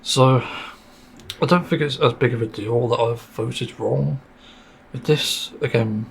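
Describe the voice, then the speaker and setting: A man's voice: mid-range voice, slow pace, vocal fry, a little hiss or hum. A man hosting a solo podcast, venting in frustration with sighs, swearing and fillers, his throat getting sore. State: sore throat, mint in mouth. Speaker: podcast host.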